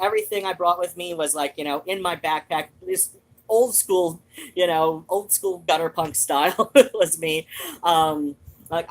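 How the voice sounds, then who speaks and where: Cast a woman with a low voice to host a reading and chat show, talking in a loose, off-the-cuff way. She should be animated and digressive, rambling through casual personal chat and swearing freely.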